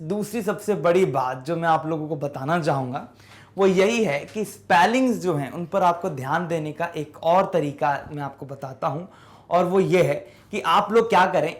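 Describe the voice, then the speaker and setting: A male teacher with a high voice walks students through spelling. He asks question after question and answers each one himself. He stretches words out slowly, syllable by syllable. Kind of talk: explaining English spelling in a class lesson.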